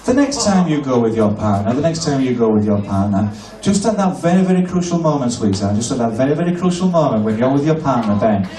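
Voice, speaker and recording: A man performing a live comedy hypnosis show on stage, mixing crude, cheeky banter with slow hypnotic patter. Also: mid-range voice, very animated. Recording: echoey venue from far off, loud crowd. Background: laughing audience.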